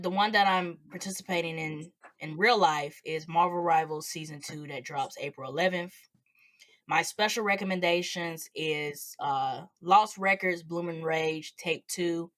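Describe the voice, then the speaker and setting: A woman with a notably low voice co-hosts a podcast in relaxed, casual chat. Her sentences often drift quieter as she trails off. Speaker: podcast co-host.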